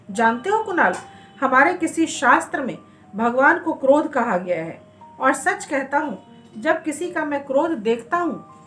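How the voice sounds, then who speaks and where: A war-hungry young prince with booming, mocking laughter and a forceful, declaiming delivery, read aloud by a woman. The voice sits high, and faint music plays underneath. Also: full character voice. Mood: fierce.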